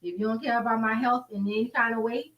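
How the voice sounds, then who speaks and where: A woman's voice: a little high, steady tone, quick pace, dull audio. An American woman co-hosting a talk show, chatting casually and preaching in an earnest, exhortative way. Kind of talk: casual chat with preaching and prayer.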